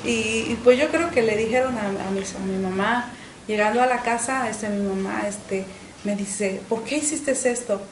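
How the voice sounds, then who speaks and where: A middle-aged woman, giving an earnest personal faith testimony in an interview, often pausing on "este" and repeating words. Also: mid-range voice, roomy sound, crowd noise, low-quality recording. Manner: earnest, with frequent "este" fillers and repetitions. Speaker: interview guest.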